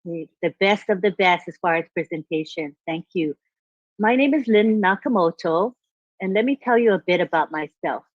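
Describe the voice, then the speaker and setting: A woman's voice: on the low side, expressive, moderate pace, no echo, highs cut off. An older retired woman from Hawaii, chatting about her life as a guest on a webinar video call, repeating words as she goes. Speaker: guest speaker. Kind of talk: personal testimony on a webinar.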